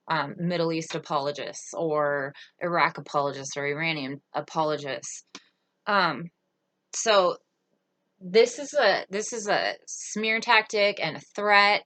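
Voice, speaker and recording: Woman host, indignant political commentary, fairly low but bright and forceful tone. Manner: indignant, reads quotes aloud, frequent fillers.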